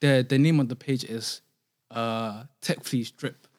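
A man's voice: mid-range voice, steady tone, unhurried. A young man with a London roadman accent chatting casually in slangy, repetitive street talk. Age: young adult. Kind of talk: casual chat.

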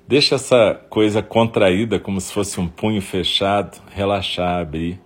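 Very deep, husky Brazilian man guiding meditation. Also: steady tone. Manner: unhurried instruction in short phrases with long pauses. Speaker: meditation guide. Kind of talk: guided meditation.

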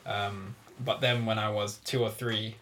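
A man from the Lake District in England, chatting casually on a podcast, slow and measured, his sentences dropping to a quiet tail. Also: lowish voice, flat delivery, a little hiss or hum. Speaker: podcast co-host. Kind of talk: casual chat.

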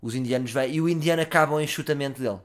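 A man with a European Portuguese accent tells a comic anecdote at a brisk clip. He swings from loud bursts to low asides, with an average pitch for a man. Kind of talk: comic storytelling.

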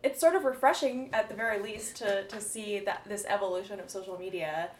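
A woman's voice: mid-range voice, a little fast. Female host, easygoing and thoughtful, heard at a distance in a roomy space. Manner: relaxed, musing, many "um"s and soft laughs. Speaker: podcast host. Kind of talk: casual podcast conversation. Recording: roomy, distant mic with faint background noise.

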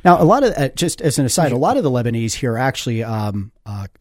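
A man hosts a talk radio show from a studio, with a voice of ordinary pitch. He talks haltingly and fills his pauses with fillers. The sound is close and dry. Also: sing-song, a little mellow, dry recording. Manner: hesitant, with many fillers. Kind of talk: radio interview. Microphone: studio mic.

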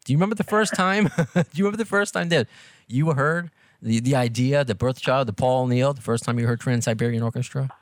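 Speaking fast at a medium pitch, a middle-aged man with a New York accent hosts a relaxed podcast interview, chatty and self-deprecating. He works as a podcast host and radio presenter, and there's no room sound in the clip.

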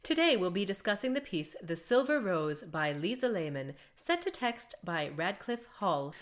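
A woman hosts a podcast, telling a composer's life in a chatty, conversational storytelling style and laughing often between facts. She's a mezzo-soprano whose voice sits fairly low, swings widely in pitch, and moves at a moderate pace.

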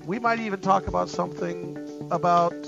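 A man co-hosting a radio talk show, giving casual conversational commentary and reading out quotes deliberately. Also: high voice, fairly even intonation, creaky, a bit bright, muffled recording, soft background music.

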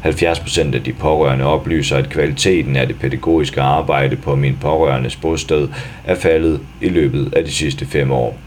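A man reading a news article aloud in a steady, even way, even speaking the punctuation. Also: very deep voice, a little hiss or hum.

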